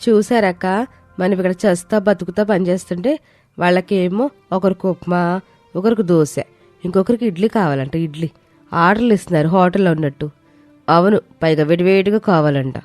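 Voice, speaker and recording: A woman's voice: medium pitch, flat delivery, dark tone, no echo, faint music behind, close to an everyday voice. A woman voicing the youngest daughter-in-law in a cartoon story, who grumbles indignantly about the men's demands. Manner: indignant, quick complaints.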